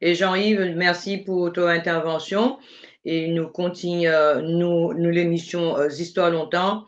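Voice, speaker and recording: A man co-hosting a radio show in casual chat, halting with frequent fillers. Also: fairly high pitch, level tone. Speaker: radio co-host. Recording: dull, slightly muffled sound.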